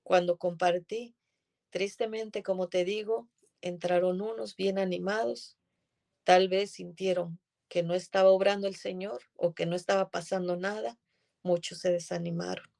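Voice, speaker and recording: Woman telling a faith testimony, earnest and emotional, low gravelly voice. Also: steady tone, moderate pace, a little mellow. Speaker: guest giving a faith testimony. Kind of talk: religious testimony in conversation.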